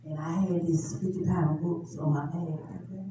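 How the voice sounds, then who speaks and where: A woman's voice: fairly even intonation, normal speed, lo-fi sound. Woman preaching in an echoey room. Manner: rises from low storytelling to loud emotional preaching. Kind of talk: sermon testimony. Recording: echoey room from far off, background noise.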